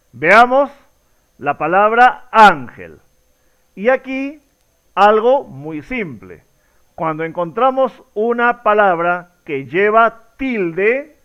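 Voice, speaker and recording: Slow, animated man teaching a lesson. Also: sits high, clean tone, muffled recording. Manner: slow, drawn-out words with strong stress to show the stressed syllable; addresses students directly, repeating each question. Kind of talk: recorded classroom lesson.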